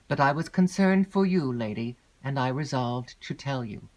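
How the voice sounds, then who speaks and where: A woman voicing a gloomy, secretive male porter in an audiobook, speaking slowly and gravely with long hesitations. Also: very deep voice, animated, a little mellow. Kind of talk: audiobook character reading.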